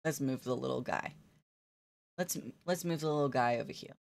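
A woman's voice: very deep voice, moderate pace, creaky, a little mellow. A young woman streaming while she draws, chatting to her viewers in a giggly, gushing way. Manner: giggly, gushing, talks to chat. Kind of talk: casual live-stream chat while drawing.

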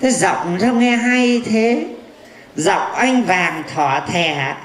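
A woman's voice: mid-range voice, lively intonation, drawn-out words, reverberant. A woman playing a boastful, cheeky blind male fortune teller in a stage comedy sketch, chatty and mocking. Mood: teasing. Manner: chatty, mocking, full of teasing insults.

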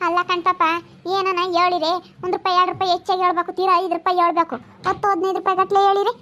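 A woman's voice: extremely high pitch, flat delivery, sharp tone. A woman playing a scolding village woman, haggling over vegetable prices. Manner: nagging, rapid-fire scolding. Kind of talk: comedy sketch acting.

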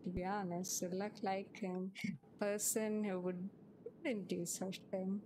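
A woman's voice: mid-range voice, flat delivery, a little slow, mellow, a little hiss or hum. Polite, teasing woman playing a shopkeeper. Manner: polite yet teasing, calls others sir. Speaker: shop worker in a roleplay game. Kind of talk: casual in-character roleplay chat.

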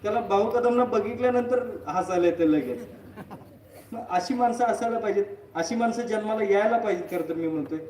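A man gives a lively live lecture, telling stories and acting out both sides of conversations with frequent chuckles. His voice sits high. It comes from a distant mic in an echoey hall, with faint noise underneath. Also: a little fast. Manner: lively, acts out dialogue, chuckles often. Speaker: public speaker.

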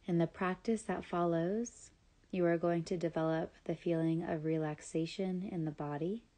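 A woman with a voice on the low side leads a scripted yoga nidra meditation, giving calm, soothing, measured instructions with pauses.

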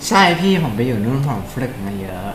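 A man's voice: medium pitch, big pitch swings, a little fast, music in the background. A young man streaming a mobile game, chatting casually and jokingly while reading his viewers' messages aloud. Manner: joking, reads and answers viewer chat aloud. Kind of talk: casual live-stream chat. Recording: echoey room with background noise.

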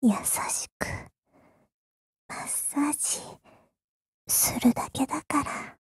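A woman streaming an ASMR role-play, talking in a teasing, coquettish way with soft, drawn-out endings. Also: high-pitched, steady tone, dry recording, studio quality.

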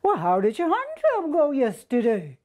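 A woman voicing a clever, cheeky male trickster rabbit in a folk tale, with a high, teasing sing-song voice. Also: wildly swooping pitch, moderate pace, darkish tone. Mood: smug teasing.

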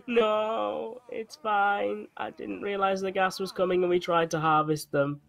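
A man's voice: high voice, vocal fry, sharp tone. A young man chatting over a multiplayer game with a teammate, joking, swearing and shrieking when things get tense. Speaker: gamer. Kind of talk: excited gameplay chat.

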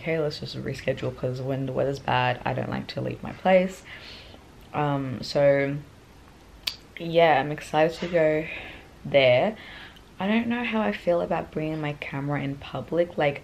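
A woman's voice: deep voice, vocal fry, a little mellow, a little hiss or hum. A young woman, vlogging in a groggy morning voice, rambling chattily with many fillers. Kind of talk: casual vlog chat to camera.

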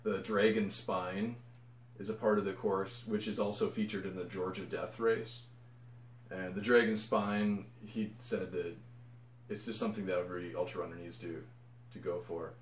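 A man's voice: low-pitched, flat delivery, normal speed, slight background noise. Rambling man in an echoey room. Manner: rambling, self-correcting, enthusiastic. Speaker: ultra runner vlogger. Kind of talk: casual unscripted monologue.

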